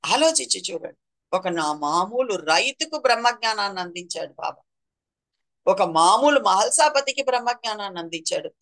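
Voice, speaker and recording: A woman's voice: medium pitch, sing-song, moderate pace, fairly bright tone. A woman giving a devotional talk, asking rhetorical questions, listing things one after another and acting out quoted sayings. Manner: rhetorical questions and repeated lists. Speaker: spiritual speaker. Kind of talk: devotional discourse.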